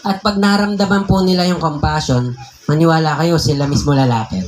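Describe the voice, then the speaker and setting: A man with a Filipino accent, a pastor telling a personal story in a conversational, animated sermon, often laughing. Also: fairly high pitch, brisk, soft background music. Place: church hall.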